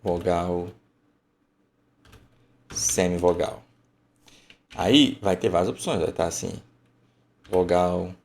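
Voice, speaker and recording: A man's voice: low-pitched, fairly even intonation, slow pace, pauses often, a little hiss or hum. A man teaching an online lesson, emphatic and colloquial, thinking aloud as he explains.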